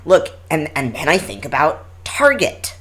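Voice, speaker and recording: Very deep-voiced woman co-host, reflective. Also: lively intonation, normal speed, a bit bright, slight background noise. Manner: reflective and rambling, with many restarts. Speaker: podcast co-host and business teacher. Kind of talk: casual chat.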